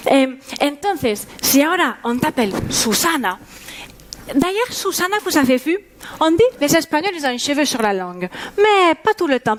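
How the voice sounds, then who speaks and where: A young woman comedian on stage, voicing a bubbly Spanish woman who teaches a language class in French with a Spanish accent, playful and teasing the audience. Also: high voice. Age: young adult. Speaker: stand-up comedian. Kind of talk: stand-up character act. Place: theatre stage before a live audience.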